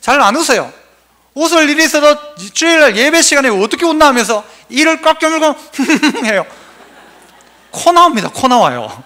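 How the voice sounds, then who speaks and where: A man's voice: very high voice, sing-song, brisk, pushed and bright. A male pastor preaching a sermon, asking the congregation questions and answering them himself.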